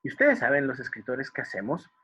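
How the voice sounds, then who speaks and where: A Guatemalan storyteller with a bright, husky voice talks softly and playfully to children, asking them questions and repeating words for effect. The sound is dull and lo-fi, like an online stream from a video call. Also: male voice, medium pitch, big pitch swings, a little fast. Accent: Guatemalan Spanish. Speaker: writer telling stories to children.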